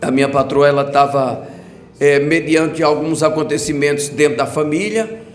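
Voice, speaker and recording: High-voiced Brazilian pastor preaching fervently. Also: male voice, moderate pace, slight background noise. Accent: Brazilian Portuguese. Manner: fervent preaching, rising to shouts, with many hallelujahs. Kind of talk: sermon. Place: church.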